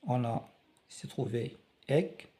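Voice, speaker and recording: A man teaching French reading, saying syllables and words slowly and repeating them so learners can copy the sounds. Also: medium pitch, animated, mellow. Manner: slow, deliberate, repeats words to model pronunciation. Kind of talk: slow syllable-by-syllable reading lesson.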